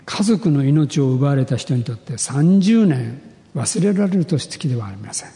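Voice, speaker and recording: A man gives a heartfelt sermon testimony in a mellow, darker voice. He tells his story in a measured, earnest way, and his words ring out with a long echo through a church hall. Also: medium pitch, animated. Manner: earnest, measured storytelling with rising emotional emphasis. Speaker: pastor.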